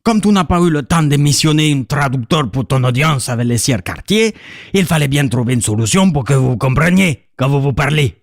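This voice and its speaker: A man voicing a fussy male inventor, excitable and sprinkling in words, in a comedic radio play. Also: mid-range voice, brisk, no room sound, studio quality, voice pushed down, natural voice. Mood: explaining. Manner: excitable, peppers speech with Italian words. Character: fussy Italian male inventor, anxious servant.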